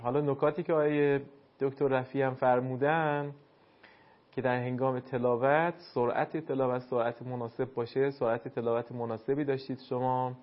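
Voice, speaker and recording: A man's voice: mid-range voice, little pitch movement, muffled recording. A man teaching Quran recitation on air, giving a caller formal, courteous and instructive feedback.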